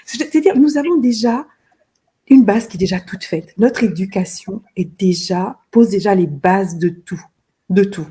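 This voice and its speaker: A woman's voice: mid-range voice, unhurried, mellow, slightly rough. A middle-aged woman from Benin, a fashion designer, talking earnestly in an interview and often repeating words as she searches for them. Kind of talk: interview conversation.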